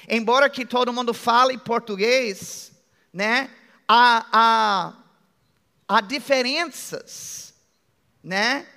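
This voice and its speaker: A middle-aged man with an American accent, preaching a sermon as pastor in a joking, conversational way with drawn-out phrases. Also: extremely high pitch, sharp tone. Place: church hall. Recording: long hall reverb.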